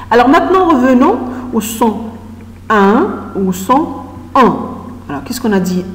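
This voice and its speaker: A woman's voice: fairly high pitch, very animated. A woman teacher leading a reading lesson for young children, sounding out syllables one by one and praising often. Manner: slow, syllable-by-syllable, frequent praise. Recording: echoey room with long reverb.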